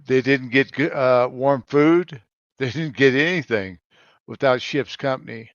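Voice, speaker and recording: A man in his seventies from Colorado, a navy veteran recounting his service in a halting way, with frequent pauses and loudness that rises and drops. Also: mid-range voice, dry recording, highs cut off. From Colorado, United States. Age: 70s. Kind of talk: conversational interview answers.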